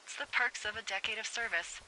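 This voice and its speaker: A woman's voice: mid-range voice, fast, bright, forceful tone, slight background noise, poor audio. A woman voicing a teasing, dry-humored fire lookout supervisor talking over a radio in a video game. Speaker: game character.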